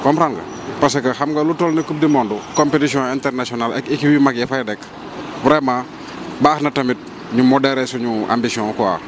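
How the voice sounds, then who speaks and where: A man's voice: mid-range voice, fairly even intonation, fairly quick. A man in a street interview, talking cautiously and reasoning things out into a handheld microphone. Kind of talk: casual street vox pop. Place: street outdoors. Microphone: handheld mic held by interviewer. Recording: street noise outdoors.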